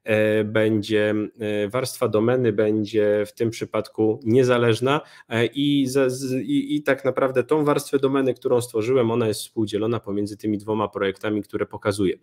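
Young male speaker, live coding demo from a small home room, relaxed, halting delivery. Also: fairly low pitch. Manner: relaxed, many fillers and restarts. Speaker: conference speaker.

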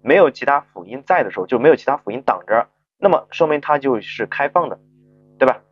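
A man teaching an English phonics lesson, stretching out model pronunciations slowly and often asking rhetorical check-in questions. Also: medium pitch, animated, dull audio. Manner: slow drawn-out model pronunciations between quick explanations.

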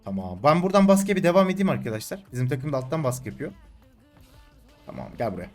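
A young man talks through his gameplay in a casual, chatty way, with a voice that sits a little on the higher side. He swings from calm explaining to loud, excited taunting at the screen. Faint game music plays behind him. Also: fast. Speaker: gameplay commentator. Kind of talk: casual live gameplay commentary.

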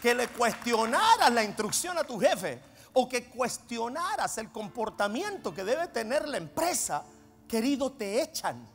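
A man preaching a sermon, swinging between loud emphatic declarations and low, intense asides. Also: sing-song, a little slow, soft background music. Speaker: apostle preaching. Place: church hall. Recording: long reverb of a large hall.

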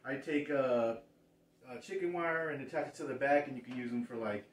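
A man's voice: medium pitch, brisk, a little hiss or hum. Rambling man in an echoey room. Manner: rambling, restarts phrases, points out details. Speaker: thrift reseller showing a haul. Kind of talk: casual show-and-tell. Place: living room, indoors. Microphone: far camera. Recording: echoey room, far from mic.

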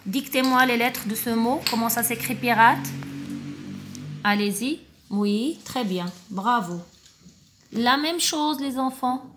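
A woman kindergarten teacher giving a recorded reading lesson for young children, slow and encouraging, praising often. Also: on the high side, a bit bright, slight background noise.

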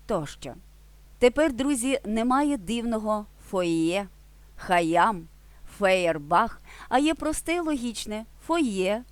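Woman language teacher, clear deliberate delivery, slow pace, dry close sound. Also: medium pitch, a little mellow, no room sound. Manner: clear, deliberate dictation of example words. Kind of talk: spelling lesson.

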